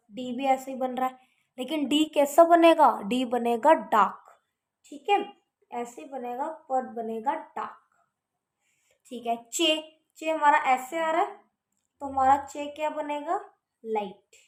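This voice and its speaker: A woman's voice: high-pitched, echoey room. A woman teaching shorthand in casual Hindi with English terms. She keeps checking understanding with "theek hai". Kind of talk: casual classroom explanation.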